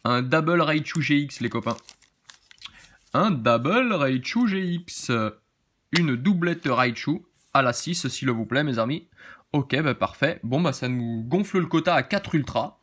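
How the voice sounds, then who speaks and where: A man's voice: medium pitch, moderate pace, a bit bright. A man with a southern French accent, a little tired, chatting casually as he opens trading cards in a vlog and rambling with frequent filler tags. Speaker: card-opening YouTuber. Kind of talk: casual card-opening vlog.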